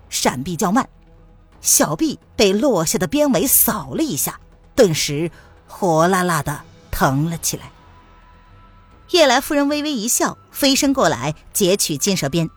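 Expressive woman narrating a novel. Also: mid-range voice, moderate pace, slightly rough, soft background music. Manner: expressive storytelling. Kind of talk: audiobook narration of a martial-arts novel.

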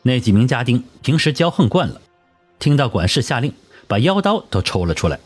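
A man narrating a historical audiobook in a measured storytelling manner. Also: mid-range voice, very animated. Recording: husky voice over soft music.

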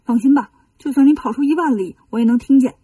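Here is a bragging monkey king from a storybook told aloud, voiced by a woman. His voice is warm and breathy, with a playful, teasing confidence. It sits slightly higher than average and sounds a little distant from the microphone. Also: quick pace, no echo. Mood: teasing, confident. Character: cheeky boastful male monkey king hero.

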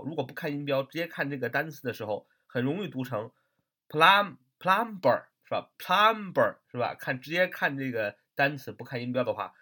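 A man's voice: mid-range voice, fairly bright tone, breathy edge. A man teaching English vocabulary in a chatty way, spelling words out letter by letter and asking rhetorical questions. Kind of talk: lively vocabulary lesson.

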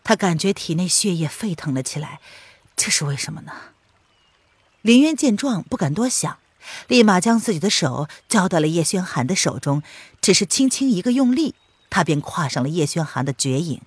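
A woman narrating an audiobook in an expressive storytelling read. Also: on the low side, a little fast, slightly rough, dry recording.

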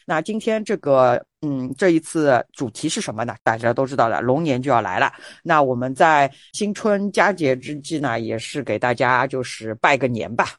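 A woman's voice: rumbling low, lively intonation, moderate pace, few pauses, no echo, studio quality. A woman hosting a casual talk show among a group, explaining and introducing things conversationally. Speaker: podcast host.

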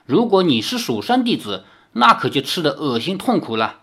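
A reader voicing an arrogant, towering male demon emperor in an audiobook, talking in a loud, haughty way. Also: big pitch swings, normal speed, husky, full character voice. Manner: loud, haughty, booming laugh. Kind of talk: dramatic audiobook character voice.

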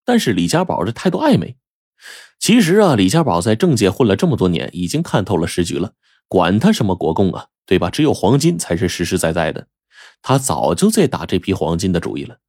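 Male storyteller, low voice, animated swings, chatty asides, dry close sound. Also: a little fast, no room sound. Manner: lively, chatty, addresses listeners with asides. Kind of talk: traditional oral storytelling.

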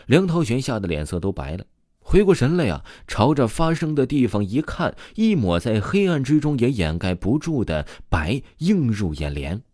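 A man telling a ghost story in a casual, chatty way, with lots of drawn-out particles. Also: mid-range voice, sing-song, a little mellow, no echo, studio quality.

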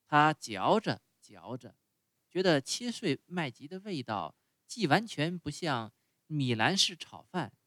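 A man reading a children's storybook aloud as a parent, expressive and speaking directly to the kids. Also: fairly high pitch, no echo.

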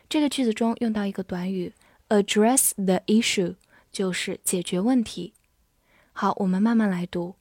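A woman teaching English vocabulary, spelling words letter by letter and reading example sentences slowly. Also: medium pitch, a little mellow, no room sound, clean studio sound. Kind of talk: vocabulary lesson.

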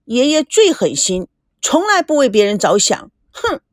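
A woman's voice: a little high, big pitch swings, normal speed, no echo, clean studio sound. A woman reading aloud and voicing a willful, headstrong teenage girl who insists and pouts. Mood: wilful, pleading. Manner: insistent, pouting, sharp outbursts.

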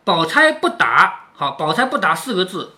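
A man's voice: high voice, very animated, moderate pace, pushed and bright. A man reading a classic novel aloud and explaining each passage, often asking the listener whether they follow. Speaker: reader and commentator of a classic novel.

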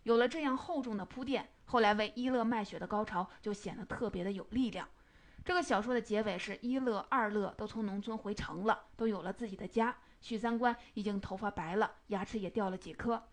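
A woman retelling and analyzing a novel in a measured, explanatory storytelling manner. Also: mid-range voice. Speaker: book commentator.

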